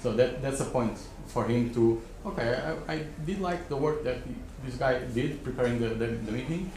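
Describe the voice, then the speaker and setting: A man speaking at a live panel in a conference room, stumbling and repeating words as he works through his advice. His voice is even in pitch, and the room adds a clear echo. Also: slight background noise. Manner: halting, repeats words as he rethinks. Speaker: expert panelist advising startups.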